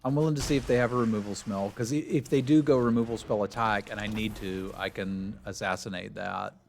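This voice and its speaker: A man's voice: on the low side, steady tone, brisk, creaky, slight background noise. A man giving casual gameplay commentary as a streamer, thinking aloud about his moves with wry, self-deprecating humor. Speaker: card game player and streamer.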